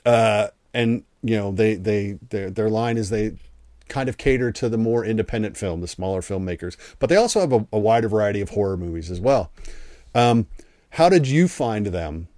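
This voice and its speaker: A man's voice: fairly low pitch, lively intonation, moderate pace, a little mellow, no echo, clean studio sound. A man with an American accent hosting an interview, chatty and rambling with frequent restarts. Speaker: podcast host. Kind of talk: casual interview chat.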